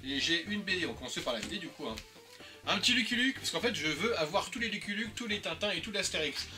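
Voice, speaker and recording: A man's voice: high-pitched, animated, fast talker, sharp tone, soft background music. A man in his thirties chatting casually and joking about flea market finds, laughing often. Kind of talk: casual chat.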